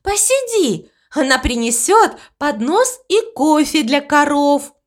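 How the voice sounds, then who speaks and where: Woman doing a motherly storybook cow, patient, explains everything slow and sing-songy. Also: sits high, very animated, pitched above the performer's own voice, exaggerated voice. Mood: scolding. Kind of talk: storybook reading.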